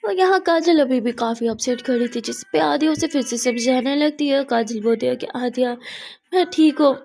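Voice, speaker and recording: A woman's voice: high voice, normal speed, vocal fry, darkish tone. A woman narrating a story casually, chatty and hesitant with fillers and restarts.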